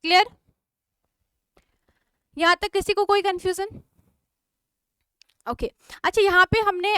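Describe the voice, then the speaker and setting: A woman's voice: very high-pitched, sharp tone, no room sound, clean studio sound. A woman with an Indian accent teaching a spoken English class online, explaining step by step and often checking whether everyone follows.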